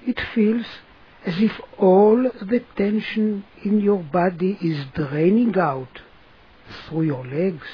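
A person guiding a relaxation session in a soothing manner, giving gentle instructions with long pauses. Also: mid-range voice, dull audio, a little hiss or hum. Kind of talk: guided relaxation narration.

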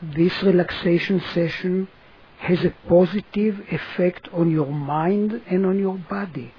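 Slow, soothing relaxation guide, muffled recording. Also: medium pitch, slightly rough. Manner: soothing, slow-paced instructions with long pauses.

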